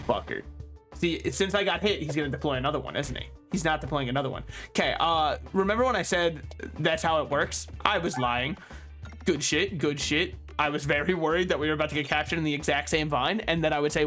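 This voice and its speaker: A young American man streams a video game, rambling and making jokes at his own expense in casual gameplay commentary. His voice is fairly high-pitched and a bit bright.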